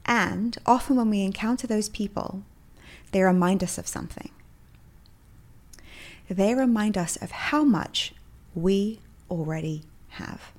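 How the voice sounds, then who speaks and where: An upbeat woman hosts her solo self-help podcast and laughs often as she talks. Her pitch sits in an ordinary middle range. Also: a little slow, long pauses, darkish tone. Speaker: podcast host.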